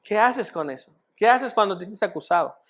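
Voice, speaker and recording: A man's voice: sits high, expressive, fairly quick. A man with a Mexican Spanish accent, pastor of a church, preaching a sermon and putting many questions to the congregation. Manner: preaching, rising loud then dropping to soft. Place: church sanctuary.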